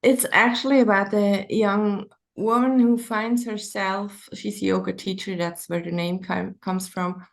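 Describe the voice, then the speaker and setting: A woman's voice: medium pitch, fairly even intonation, unhurried, gravelly. A woman from Switzerland with a Swiss German accent, an author thinking aloud hesitantly in a conversational interview.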